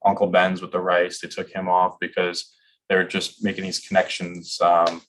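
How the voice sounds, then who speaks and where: Very deep, flat-voiced man in casual talk. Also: normal speed. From Ireland. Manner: easygoing, lots of "like" and "um". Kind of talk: casual discussion.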